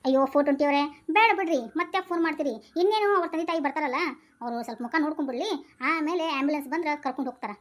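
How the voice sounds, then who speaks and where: Comic skit: woman doing a bossy, teasing male cop, North Karnataka accent, very high voice. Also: very fast, lightly acted. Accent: North Karnataka Kannada. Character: bossy male police inspector, scolding.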